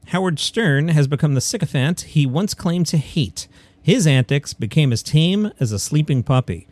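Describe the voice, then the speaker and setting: Expressive and a little high, with a darkish tone, this man's voice carries a comedy news podcast at normal speed. He reads stories and adds wry, opinionated asides in partly scripted fashion, and there's no echo.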